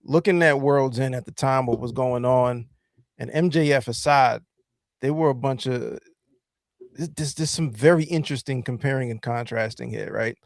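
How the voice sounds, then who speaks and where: Brief: male podcast host, mid-pitched, loose rambling delivery full of fillers, dry close mic. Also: moderate pace, creaky, no room sound. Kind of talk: casual chat.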